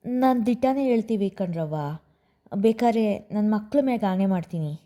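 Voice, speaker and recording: A woman's voice: mid-range voice, normal speed, warm tone, pitched above the performer's own voice, lightly acted. A woman voicing an earnest village servant woman who speaks in rustic dialect. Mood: pleading.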